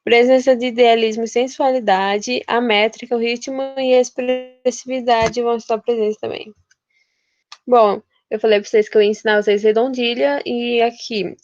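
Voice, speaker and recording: A woman's voice: on the high side, steady tone, moderate pace, a little mellow, no room sound. A young woman from Brazil teaching a casual literature lesson, chatty and informal, often restarting her words. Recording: dull, lo-fi and dry.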